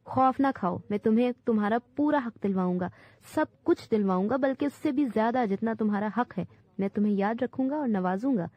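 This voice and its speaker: A woman's voice: on the high side, dry recording, lightly acted. Woman voicing an earnest boy king. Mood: commanding. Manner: simple, earnest, commanding. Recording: dull dry recording.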